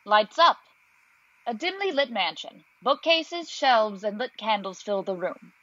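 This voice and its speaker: A woman's voice: fairly high pitch, animated, measured pace, a bit bright, no room sound, lo-fi sound. A woman narrating, reading stage directions from a script.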